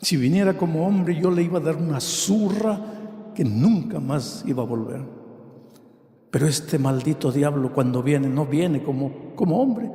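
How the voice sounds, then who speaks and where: A man acting out a tearful drunken man who pleads with his pastor in a desperate voice, his pitch rising in the quoted lines. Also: lively intonation, measured pace, mellow. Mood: despairing. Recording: echoey hall reverb.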